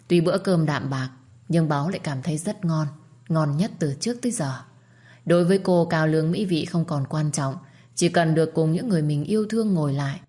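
Woman storyteller, lowish voice, calm and steady narration.

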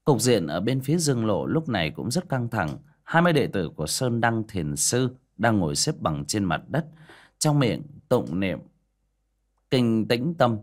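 Brief: male audiobook narrator, low register, animated dramatic delivery. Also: measured pace. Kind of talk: storytelling narration.

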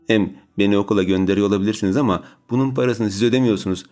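A man's voice: on the low side, racing, a little mellow, faint music behind, close to an everyday voice. A man voicing a proud, defiant teenage girl with magic powers who talks back to her aunt in an audiobook. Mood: indignant.

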